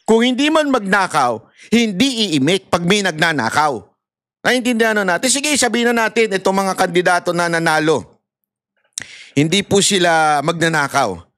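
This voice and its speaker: A Filipino man delivers casual political commentary with a high, very lively voice. He laughs often, mixes English into his talk and jumps into loud, high shouts to act out scenes. The sound is close and dry. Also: normal speed, no echo.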